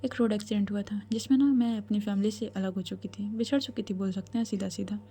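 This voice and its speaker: A woman voicing a tearful, devoted young woman who pleads with her sister in a spoken love story, in her own mellow voice. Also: medium pitch, steady tone, fast, slightly rough. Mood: confiding.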